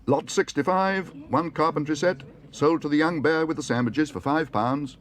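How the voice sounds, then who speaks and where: A man voicing a brisk, formal auctioneer in a storybook, calling out bids in a showy, pressing chant. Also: a little high, pitched above the performer's own voice, lightly acted.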